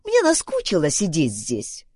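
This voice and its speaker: A woman voicing a bossy, haughty young girl who speaks in a high, indignant voice in a storybook. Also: huge pitch swings, measured pace, dark tone, husky, no echo, studio quality, exaggerated voice. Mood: stubborn.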